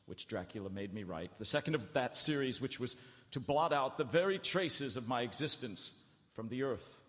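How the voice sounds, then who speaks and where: With a fairly bright, animated mid-range voice, a male actor lightly plays a frightened, earnest Englishman in captivity, reading his journal aloud during a live radio horror broadcast. The theatrical, halting delivery repeats itself anxiously and is full of dread. The large hall stage adds long reverb.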